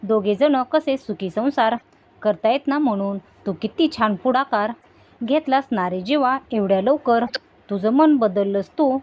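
A woman voicing a hurt, jealous young woman, reading her taunting lines in a slightly high voice. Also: measured pace, darkish tone, close to an everyday voice. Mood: bitter taunting. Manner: bitter, taunting retelling.

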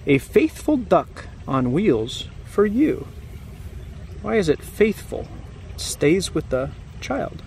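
With a high-sitting, darkish voice full of big pitch swings and some vocal fry, a man in his thirties reads slowly from a picture book. He's outdoors in a grassy, wooded yard, keeping the language simple and chatting with the kids through asides and questions. Outdoor camera audio carries background noise.

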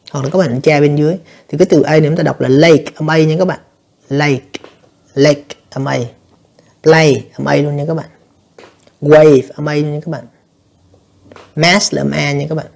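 Fast-talking, gravelly male English teacher. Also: fairly high pitch, a little mellow. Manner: explanatory, addresses students repeatedly, frequent fillers. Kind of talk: exam review lesson.

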